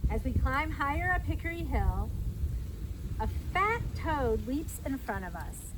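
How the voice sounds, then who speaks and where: Reading a picture book to small children, a middle-aged parks staff member tells the story simply in a high, very animated voice, pausing for short explanations at an unhurried pace. She's outdoors at an open trailhead beside a fence, and the recording picks up clear surrounding noise.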